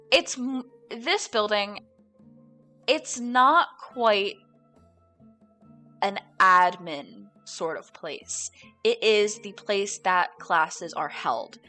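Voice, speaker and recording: A young woman narrating as game master, relaxed and halting, with many fillers. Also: medium pitch.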